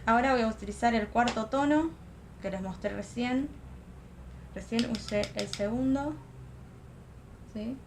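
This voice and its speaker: A woman's voice: fairly high pitch, a little slow, pauses often, a little hiss or hum. Chatty young woman vlogger. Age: young adult. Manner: chatty, thinks aloud with fillers. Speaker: makeup vlogger. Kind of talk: casual makeup tutorial. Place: home room, close to a lamp.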